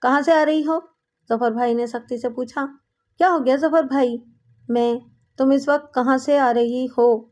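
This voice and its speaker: A woman's voice: high voice, steady tone, a little mellow, close to an everyday voice. A woman voicing a stern, protective older man in an audiobook, reading his lines in a commanding tone.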